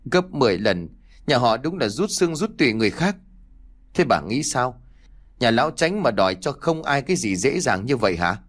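A man playing a stern middle-aged village father who scolds gruffly in a low voice. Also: very animated, moderate pace. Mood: gruff scolding.

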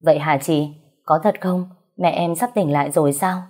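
A woman voicing a gentle, earnest young woman speaking softly. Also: sits low, moderate pace. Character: devoted young daughter and teacher, gentle.

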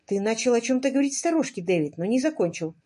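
A woman's voice: a little high, big pitch swings, quick pace, warm tone, voice pushed up. A woman reading an audiobook, voicing a spirited young woman who teases and presses her partner insistently. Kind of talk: audiobook character voice.

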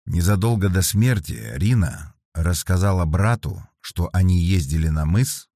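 Deep-voiced male audiobook narrator. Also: measured pace, dry recording, studio quality. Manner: even, storytelling. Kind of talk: scripted narration.

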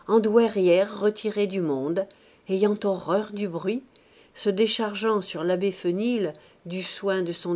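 Woman audiobook reader, slow pace, measured, mid pitch. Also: a little mellow. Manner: slow, measured, clear narration. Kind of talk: reading a classic novel aloud.

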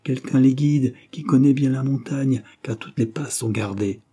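A man's voice: mid-range voice, fairly quick, dark tone, husky, voice pushed up, close to an everyday voice. A man voicing a resolute young male rebel in a storybook reading, breathless and urgent.

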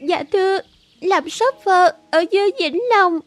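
A man's voice: unhurried, a bit bright, no echo. A man voicing a poor, frightened little girl who speaks timidly. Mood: timid, tearful. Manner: very high falsetto, timid and sobbing.

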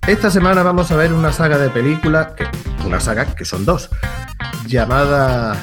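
A man's voice: fairly high pitch, moderate pace, over music. A man hosting a film podcast in a casual presenting style. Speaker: podcast host.

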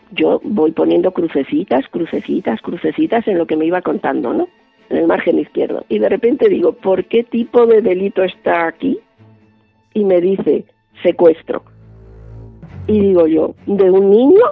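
A man's voice: high-pitched, lively intonation, normal speed, vocal fry, husky, no room sound, faint music behind. A male radio guest, telling a story vividly and acting out the lines of the people in it. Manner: vivid, acts out quoted dialogue. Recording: band-limited dry phone-like line.

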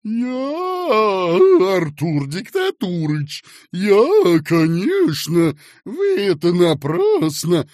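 A man's voice: high-pitched, huge pitch swings, very slow, hardly any pauses, darkish tone, no room sound, clean studio sound, voice pushed up, heavily acted. A man voicing a pompous office boss who turns whiny and servile when scolded, in a storybook reading. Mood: blustering. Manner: blustering then whining and servile. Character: pompous office boss turned fawning, middle-aged man.

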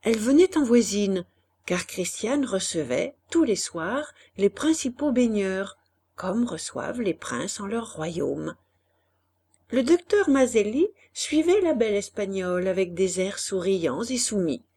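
A woman reading a classic novel aloud in a measured, expressive way. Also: medium pitch, slightly rough. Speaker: audiobook reader.

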